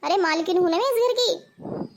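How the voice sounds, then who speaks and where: A woman's voice: very high-pitched, moderate pace, gravelly. A woman voicing a spoiled, bossy young married daughter in a cartoon. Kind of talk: cartoon voice acting.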